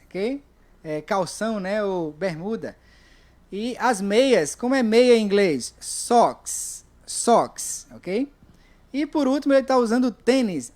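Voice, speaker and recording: Brazilian woman, English teacher, online lesson, slow repetition, frequent check-ins. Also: medium pitch, a little mellow. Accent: Brazilian Portuguese. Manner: repeats words slowly, checks in with "ok?".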